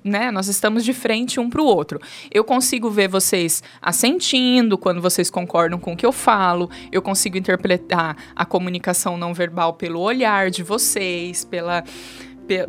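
A woman in her thirties with a Brazilian accent, a guest explaining communication on a talk show and acting out quoted lines. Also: medium pitch. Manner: animated, acts out quoted speech. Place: studio talk show with three people.

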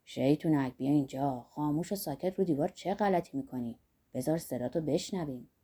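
A woman voicing a rough, lusty old man who talks bluntly and boastfully about life and age. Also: low-pitched, mellow, pitched below the performer's own voice. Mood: coaxing.

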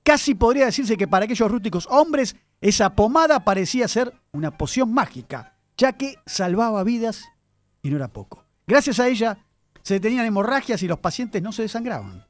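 A man's voice: high voice, animated, brisk, no room sound. A man presenting a chatty radio segment on word origins, addressing his listeners as he tells the story. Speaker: radio columnist. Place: radio studio.

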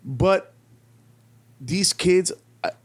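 A podcast co-host in his late thirties talks bluntly in a casual chat, swearing freely and hammering his points home. His voice sits high, sounds slightly rough, and moves extremely slowly.

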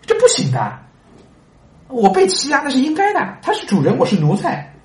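A man's voice: fairly high pitch, animated, normal speed, lightly acted. A man voicing a downtrodden male servant who keeps pleading and complaining about his lot. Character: downtrodden male servant, whiny and self-pitying.

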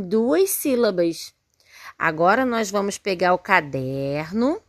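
A woman's voice: mid-range voice, a bit bright, no echo, clean studio sound. A Brazilian woman teaching first graders in a recorded lesson, patiently sounding words out syllable by syllable and praising often. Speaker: primary school teacher. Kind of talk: recorded remote lesson for young children.

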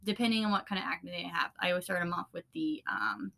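A woman's voice: on the low side, fast, vocal fry, bright, forceful tone. A woman co-hosting a podcast as an esthetician, chatting casually with lots of fillers, giggles and the odd swear word. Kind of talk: casual chat.

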